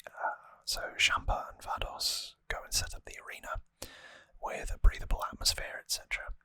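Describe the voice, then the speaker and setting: Whispering breathily right up against the microphone, an ASMR host gives a rambling trivia recap. The sound is dry, crisp and brightly sibilant with no room sound, and her delivery stays unhurried and informal, dotted with small wry asides.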